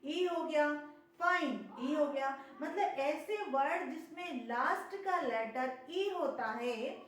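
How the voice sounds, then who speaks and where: A woman's voice: high-pitched, takes it slowly, a bit bright. A woman teaching a beginner grammar lesson. She explains patiently, repeats words and keeps asking the viewer to confirm. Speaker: English teacher. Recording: very echoey room, voice from far off, faint noise.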